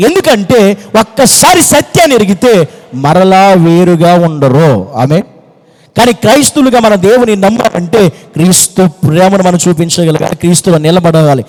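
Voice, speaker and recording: A man's voice: high-pitched, expressive, moderate pace, darkish tone, big-room sound. A man preaching a fervent sermon as pastor, repeating phrases and firing rhetorical questions. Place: church hall.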